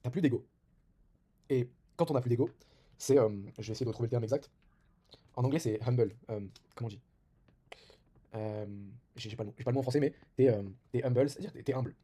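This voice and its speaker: A young man rattles off casual self-improvement advice at a very rapid clip. His voice is dark and husky, and his talk is loose and informal, full of fillers and false starts. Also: medium pitch.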